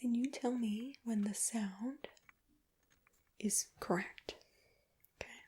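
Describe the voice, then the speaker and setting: Whispering woman in a soft ASMR whispered role-play. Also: on the high side, slow. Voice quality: breathy, whispered. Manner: gentle, reassuring personal attention. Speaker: ASMR performer playing an ear examiner.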